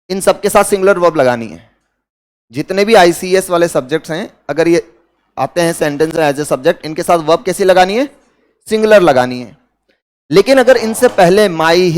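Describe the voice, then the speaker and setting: A man with an Indian accent giving a grammar lecture in a classroom, who asks his students questions and then answers them himself. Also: high-pitched. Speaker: English teacher.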